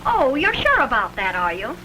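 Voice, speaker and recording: Brazen, high-voiced scheming showgirl, early talkie. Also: wildly swooping pitch, moderate pace, bright, forceful tone, full character voice. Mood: defiant. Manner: insolent, taunting. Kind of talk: early talkie film acting. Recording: crackly 1929 film soundtrack.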